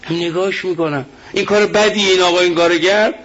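A male cleric delivering a fiery religious sermon, impassioned and quoting scripture, rising to shouts. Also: high-pitched, steady tone. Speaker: cleric preacher. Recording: dull lo-fi sound with faint noise.

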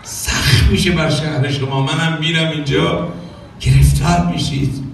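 A man's voice: on the high side, vocal fry, slight background noise. A man preaching a sermon, telling stories and acting out quoted dialogue with sung phrases. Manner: animated, acts out quoted dialogue, sings some phrases. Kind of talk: religious sermon with storytelling. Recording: echoey hall from far off.

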